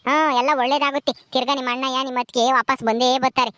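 A woman voicing a kind, patient sister-in-law in a cartoon, speaking gently and comfortingly. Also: high voice, flat delivery, racing, dry recording, voice pushed down.

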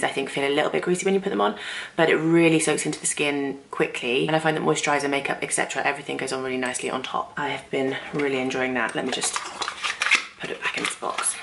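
Low gravelly-voiced chatty woman. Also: a bit bright. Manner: chatty, self-deprecating, rambling asides. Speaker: vlogger. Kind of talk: casual vlog chat. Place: home.

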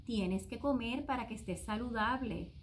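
A woman voicing a pea father in a children's story, speaking in a firm, slightly lowered parental tone. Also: normal speed, slight background noise, natural voice.

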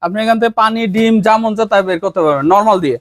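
A man with a Bangladeshi Bengali accent selling used fridges in his shop, reeling off prices in a fast, insistent haggling patter. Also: high voice. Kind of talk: rapid sales pitch, counting prices down.

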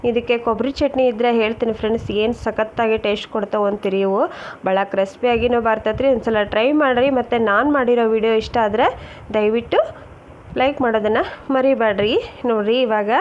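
A woman's voice: a little high, darkish tone. A woman chatting through a home cooking demonstration and calling her viewers friends as she works. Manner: chatty, keeps calling viewers friends and urging them to look. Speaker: cooking channel host. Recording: dull lo-fi sound with faint noise.

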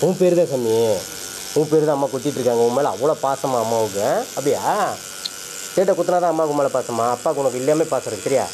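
A man with a Tamil Nadu accent chatting quickly in a family vlog at a salon, coaxing his small child. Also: medium pitch, expressive, noisy background. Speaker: family vlogger, father. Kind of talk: casual family vlog chat. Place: tattoo and beauty salon, indoors.

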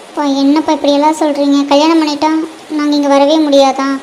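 Woman voicing a whiny young cartoon bride begging her dad, high voice. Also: level tone, fast talker, a little mellow, a little hiss or hum, close to an everyday voice. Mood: tearful. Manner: pleading, whiny. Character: young bride, tearful daughter clinging to her father. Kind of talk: cartoon voice acting.

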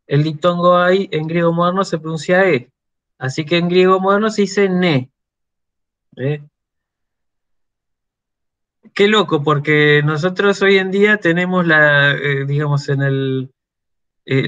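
Argentine male lecturer, middle-aged, unhurried and somewhat high-pitched, dull lo-fi class recording. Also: fairly bright tone. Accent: Argentine Spanish. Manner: slow explanatory delivery with frequent "¿sí?" checks. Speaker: university lecturer.

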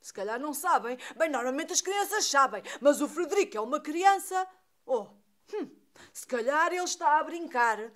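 A doleful old Santa Claus from a puppet theatre show, acted out by a woman, who keeps sighing "ai" and breaking into chuckling ho-hos. The voice sits very high despite the old man it plays. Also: animated, moderate pace, fairly bright tone. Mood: worried. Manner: constant sighing and moaning, chuckling ho-ho laughs.

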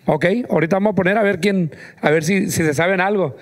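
A man's voice: high voice, fast talker. A middle-aged man hosting a casual chat in a music studio, loose and slangy, often repeating words. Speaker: host. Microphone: handheld mic.

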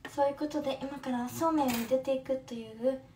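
A woman of twenty with a Kumamoto accent chats with viewers on a livestream, warm and casual, using many fillers. Her voice sits high, and the sound comes from a phone some distance away. The room around her is echoey, with faint background noise. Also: fairly even intonation, quick pace. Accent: Kumamoto dialect. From Kumamoto, Japan. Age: 20s. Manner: chatty, friendly, with many fillers. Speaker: livestream host. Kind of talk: casual livestream chat reading comments.

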